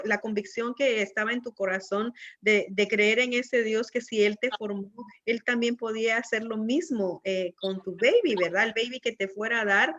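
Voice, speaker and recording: A woman's voice: on the high side, fairly bright tone. A woman hosting a church interview, talking reflectively and often adding tag questions. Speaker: host of church program. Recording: slightly dull lo-fi sound.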